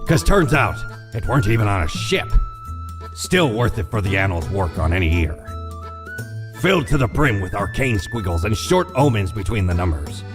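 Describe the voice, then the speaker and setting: An actor voicing a boastful male pirate merchant in a video game, using old-timey pirate slang and a drawn-out storytelling manner. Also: lowish voice.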